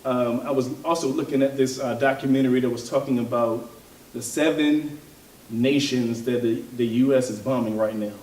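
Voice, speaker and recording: A man gives a thoughtful, unhurried religious and political talk, stopping often to restart his sentences. He sits a fair way from the mic, and the room adds a clear echo. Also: medium pitch, steady tone, a little mellow, a little hiss or hum. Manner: thoughtful, hesitant, with frequent fillers and restarts. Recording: roomy, from a distance.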